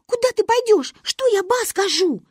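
Woman doing a shrill pushy little girl. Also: lively intonation, moderate pace, darkish tone, dry recording, studio quality. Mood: insistent. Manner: shrill, insistent, exclaiming. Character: bossy excitable little girl, loud and pushy.

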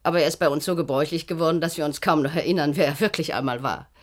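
In a German radio play, an actress with a deep voice races through her lines as the stern, sardonic matron of a secretive clinic. She is brusque, probing and condescending.

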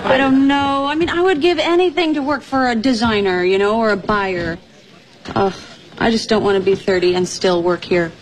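A woman's voice: a little high, normal speed, close to an everyday voice. An actress playing a young woman tired of her job, complaining in an exasperated way, in a sitcom clip with audience laughter behind her. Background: studio audience.

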